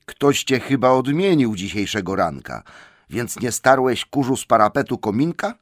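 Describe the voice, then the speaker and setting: A man doing a brisk, impatient old wizard. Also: deep voice, vocal fry, slightly rough, no echo, studio quality, exaggerated voice. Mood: chiding. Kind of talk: audiobook character voice.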